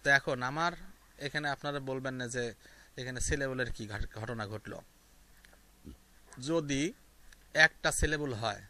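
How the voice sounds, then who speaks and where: Male tutor, patient step-by-step explainer with fillers, bright tone. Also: medium pitch. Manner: step-by-step explaining with frequent fillers and repeated examples. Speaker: English grammar teacher. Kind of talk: explaining grammar lesson to viewers.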